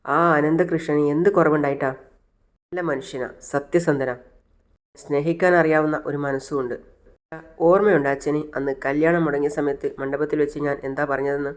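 A man's voice: on the high side, steady tone, fairly quick, close to an everyday voice. A man playing a bold young woman who firmly defends the man she loves, in a retold serial. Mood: earnest firm. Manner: firm, earnest.

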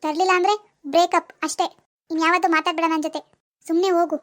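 A woman's voice: very high voice, flat delivery, fast. A woman voicing a demanding, proud young village woman in a cartoon, scolding and sarcastic as she talks to her boyfriend. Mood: angry. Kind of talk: cartoon dialogue voice acting.

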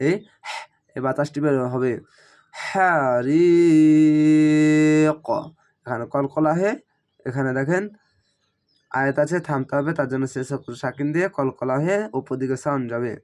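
A man teaching Quran reading, spelling each word syllable by syllable and then reciting it slowly and drawn out. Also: on the high side. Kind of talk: step-by-step recitation lesson.

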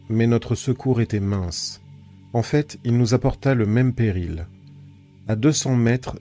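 A man reading an adventure novel aloud as an audiobook, with measured, dramatic storytelling. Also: fairly low pitch. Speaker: audiobook reader. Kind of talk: scripted audiobook narration. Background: soft ambient music.

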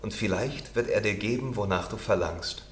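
A man doing a boastful yellow rose bush. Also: on the low side, normal speed, reverberant, a little hiss or hum, close to an everyday voice.

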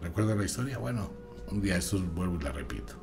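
A man's voice: sits low, big pitch swings, quick pace, creaky, music in the background. Emphatic man lecturing. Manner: emphatic, preachy, swings between loud and hushed. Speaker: radio host, magic teacher. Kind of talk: lecturing radio talk.

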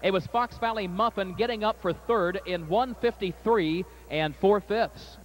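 A man announcing a harness race at an outdoor track, calling the field in a brisk, formal way. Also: sits high. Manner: rapid rising race call, steady formal post parade. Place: outdoor racetrack. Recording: faint outdoor noise.

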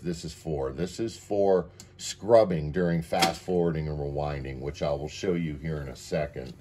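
Here the presenter talks his way through an unscripted, relaxed demo of audio gear next to a tape deck indoors at home. He sounds low-pitched and warm.

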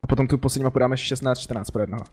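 A man playing a match against a friend, casually chatting and groaning excitedly at his losses. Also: mid-range voice, a little hiss or hum. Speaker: gaming opponent. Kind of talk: casual gaming chat.

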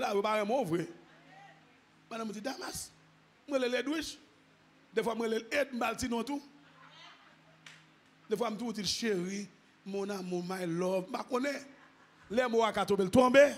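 A man preaching a sermon as pastor, repeating phrases and rising into shouted, half-sung exclamations. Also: high-pitched. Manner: repetitive, call-and-response phrasing.

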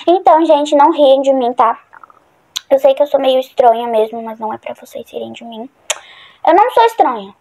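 A high-pitched woman talks her way through a horror game for her viewers. She rambles freely and startles easily. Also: expressive, fairly quick, mellow, lo-fi sound. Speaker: gaming channel host. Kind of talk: casual gameplay commentary.

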